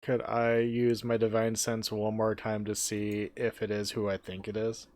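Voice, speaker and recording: A man's voice: lowish voice, monotone, normal speed, darkish tone, no room sound, studio quality. A young man narrating his character's actions in a tabletop game, laughing often. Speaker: player.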